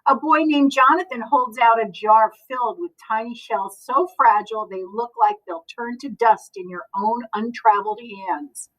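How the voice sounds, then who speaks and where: A woman with a high voice reads a picture book aloud in an expressive way. She speaks directly to children like a school librarian, adding short asides. The microphone sits some distance from her. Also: moderate pace, few pauses, highs cut off.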